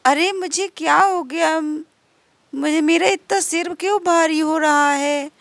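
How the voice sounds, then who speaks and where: A young mother in a homemade doll story who sounds groggy and bewildered, voiced by a woman narrator. The voice is high and slow, and the recording is dry. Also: vocal fry, a bit bright, dry recording, exaggerated voice. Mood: dazed. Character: dazed young mother waking up.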